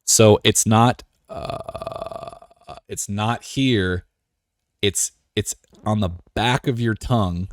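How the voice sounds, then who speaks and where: A man's voice: fairly low pitch, takes it slowly, slight background noise. A man streaming a game live, talking casually with a joking, self-assured, rambling manner.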